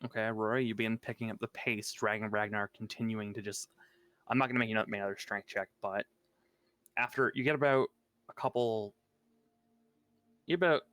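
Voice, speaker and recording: A man's voice: fairly low pitch, steady tone, fairly quick, long pauses, fairly bright tone, no room sound. A man narrating as game master, thinking aloud and correcting himself as he goes.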